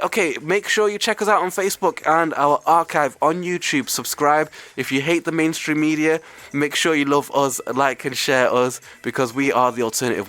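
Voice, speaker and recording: A man hosting community radio with a croaky, ill-sounding voice, talking casually and hesitantly off the cuff. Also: mid-range voice, a bit bright. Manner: hesitant, conversational, rambling. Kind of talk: casual radio talk, unscripted.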